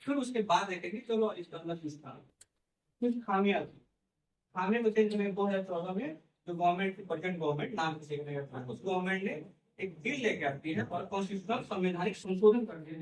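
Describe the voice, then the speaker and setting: During a class lecture, a teacher with a high-sitting male voice takes his students through each point step by step, checking in as he goes with "theek hai" and "hai na." He has no microphone and is far from the recorder, so he sounds distant in an echoing room.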